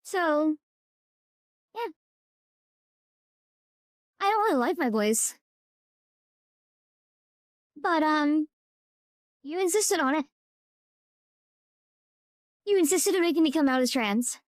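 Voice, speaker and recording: High woman's voice through a voice changer. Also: animated, slow pace, pauses often, no echo, clean studio sound. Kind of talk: casual talk in a played clip.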